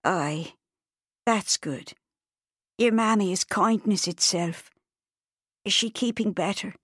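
A woman's voice: medium pitch, slow pace, breathy edge, dry recording, clean studio sound, voice pushed up. A woman reading an audiobook, voicing a kindly, chatty old traveller woman, homely and motherly.

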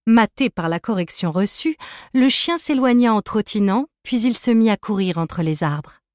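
A woman narrating a novel as an audiobook in a measured, even reading. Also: mid-range voice, dry recording, studio quality. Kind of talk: scripted narration.

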